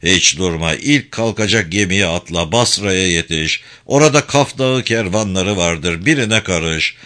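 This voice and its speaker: A man's voice: low-pitched, animated, measured pace, bright, forceful tone, heavily acted. A man voicing a stern, solemn old male sufi sheikh who gives grave commands. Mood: solemn commanding.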